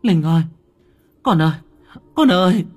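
Male narrator doing a worried old village mother, stammering and pleading, pitched high and husky, faint music under. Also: big pitch swings, moderate pace. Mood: calling out. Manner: pleading, calling out, stammering repeats. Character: elderly village mother, frail and anxious.

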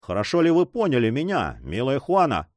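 A man's voice: mid-range voice, wildly swooping pitch, fairly quick, a little mellow, no echo. Man reading as an earnest young lover. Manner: earnest, reassuring, insistent.

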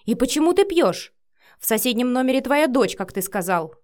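A fiery, jealous young woman with a sharp, emotional delivery, read by a woman narrating an audiobook. Her lines stay quick to flare up. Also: fairly high pitch, very animated, pitched above the performer's own voice. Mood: furious.

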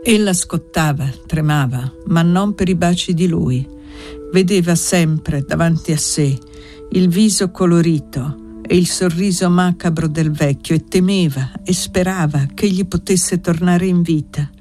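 An audiobook reader narrating a classic novel in a measured, even storytelling manner. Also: medium pitch, soft background music. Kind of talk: literary narration read aloud.

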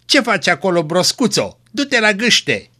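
A man voicing a gruff, proud old male miller in a read-aloud story, speaking sternly. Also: mid-range voice, bright, forceful tone. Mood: scolding. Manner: stern, scolding.

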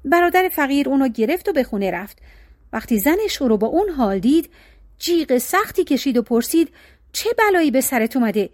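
Woman reading a folk tale, high voice, lots of swing, dry close mic. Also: dry recording. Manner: expressive, storybook cadence. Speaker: storyteller.

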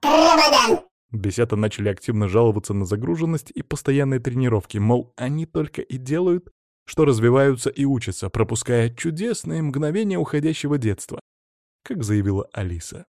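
Lively, wry male audiobook narrator. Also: mid-range voice, fairly quick, no echo, studio quality. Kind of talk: first-person audiobook narration.

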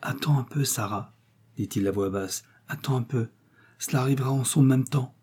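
A man voicing a timid, frightened older husband who speaks meekly and in a hushed voice. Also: mid-range voice, fairly quick, slightly rough, natural voice. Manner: meek and hushed, pleading.

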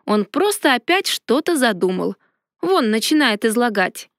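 A woman narrating a fantasy storybook in a lively first-person telling. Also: fairly high pitch, unhurried, dry recording, clean studio sound. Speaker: audiobook narrator.

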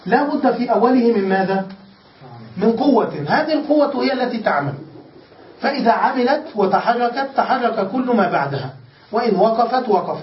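A man teaching a grammar lesson in a classroom style, asking questions and answering them himself. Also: extremely high pitch. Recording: echoey, distant, dull lecture recording with faint hiss.

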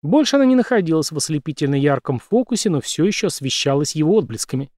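A male narrator reads a thriller aloud with animated, dramatic delivery. His voice sits somewhat high and ranges widely. The recording is dry and close. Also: fast, no room sound. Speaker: audiobook narrator. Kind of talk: expressive audiobook narration.

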